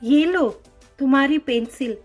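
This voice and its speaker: A woman voicing a kind, motherly forest fairy in a storybook doll show, soothing and gentle. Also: high-pitched, unhurried, soft background music.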